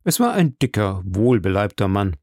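A man narrating a classic novel as an audiobook in slow, steady storytelling. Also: on the low side, no echo, clean studio sound.

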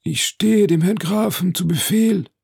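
A man's voice: sits high, measured pace, vocal fry, darkish tone, husky, pitched above the performer's own voice, exaggerated voice. A man doing a fussy, pompous old marquis. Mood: fawning. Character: pompous older male fake Italian marquis.

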